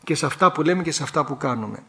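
A man, a priest, preaching a sermon with animated delivery, sudden rises in pitch and humorous asides. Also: vocal fry.

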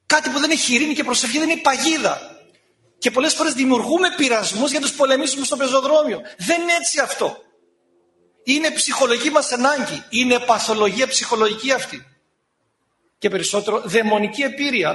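Speaking in a very high voice, a man preaches a sermon animatedly, at times scolding and acting out the voices of those he quotes.

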